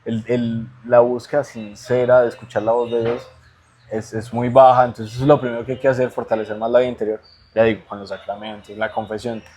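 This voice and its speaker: A man's voice: mid-range voice, level tone, a little fast, a little mellow. A man as an interview guest, giving earnest spiritual teaching in a conversational way and checking in with rhetorical tag questions.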